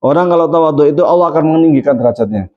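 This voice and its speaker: This is a man with a slightly high voice who races through a moral lesson on good manners, dramatizing brief quoted scenes. He is an Islamic religious teacher, and the audio is dull and lo-fi.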